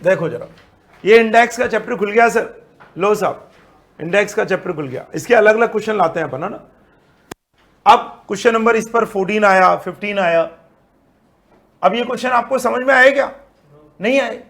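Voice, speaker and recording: A male statistics teacher, lecturing an online class, lively and asking then answering his own questions. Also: high-pitched, moderate pace, long pauses. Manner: mixes Hindi with English terms.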